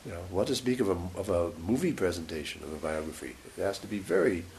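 Man, religious teacher, short of breath, gravelly fry, halting delivery, animated pitch swings, scripture lecture. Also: low-quality recording. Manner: halting, pausing mid-sentence. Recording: faint background hiss.

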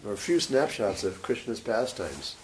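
A man giving a scripture lecture as a religious teacher, short of breath, halting and pausing mid-sentence. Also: lowish voice, big pitch swings, rough recording. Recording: faint background hiss.

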